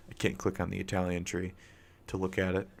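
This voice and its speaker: Just out of bed, a young man streams from his home room in a low, raspy, completely flat voice that runs a little fast. He speaks quietly into a nearby desk microphone since his family is asleep, loosely rambling in casual chat with plenty of fillers, coughs, and swearing.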